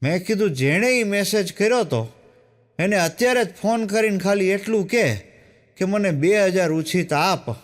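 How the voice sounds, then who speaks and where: A man's voice: high-pitched, lively intonation, normal speed. A man with a Saurashtra Gujarati accent telling jokes as a stand-up comic, acting out the dialogue of the people in his stories. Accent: Gujarati, Saurashtra dialect. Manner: storytelling, quoting characters in dialogue. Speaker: stand-up comedian.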